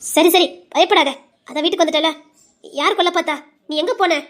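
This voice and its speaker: A woman's voice: very high voice, a little fast, a bit bright, pitched below the performer's own voice. Woman putting on a stern Tirunelveli grandmother. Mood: soothing. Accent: Tirunelveli Tamil. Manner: curt, commanding, scolding. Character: stern scolding Tamil grandmother, older woman. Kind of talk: dramatized storytelling.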